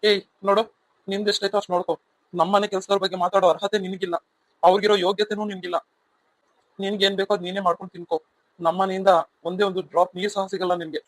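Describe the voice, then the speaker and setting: A man's voice: high voice, fairly even intonation, fast talker, dry recording, rough recording. A man voicing a stern, protective elder brother in a cartoon serial, blunt and commanding.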